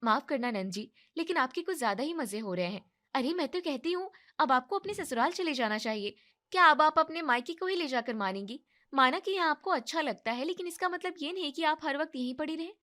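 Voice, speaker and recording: A woman voicing a hardworking young sister-in-law who scolds in a stern, fed-up way in an animated story. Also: high-pitched, brisk. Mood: scolding.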